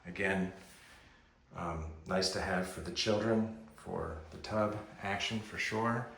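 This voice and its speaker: A man's voice: low voice, takes it slowly, vocal fry, a bit bright. A man speaking as a real estate agent on a walk-through home tour, with polished, appreciative sales talk about each feature. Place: indoors, walking through rooms of a house. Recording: echoey rooms with faint background noise.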